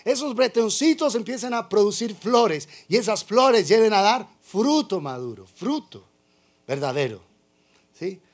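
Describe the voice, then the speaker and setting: A man's voice: sits high, big pitch swings, measured pace. A man preaching a sermon, emphatic and drawn out, full of rhetorical questions.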